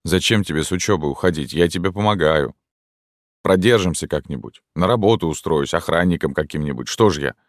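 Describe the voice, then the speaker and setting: A touchy aging stepfather, grumbling and plaintive by turns, read by a man in an audiobook. The voice is extremely deep and heavy. The sound is dry, with no room around it. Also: fairly quick, no echo, close to an everyday voice. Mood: tender. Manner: plaintive, scolding.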